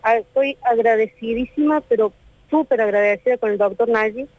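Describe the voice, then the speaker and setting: A woman's voice: on the high side, no echo. A woman in her thirties with an Argentine accent, telling her story on a radio show in a distraught way and repeating herself. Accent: Argentine Spanish. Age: 30s. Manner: distraught, repeats herself, talks in long rushed runs. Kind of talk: emotional phone interview. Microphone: phone. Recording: dry tinny phone line.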